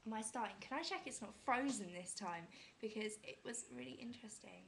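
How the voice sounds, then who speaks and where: A woman's voice: on the high side, a little fast, creaky, fairly bright tone, slight background noise. A young British woman chatting casually with a friend, giggly and self-deprecating. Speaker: vlogger.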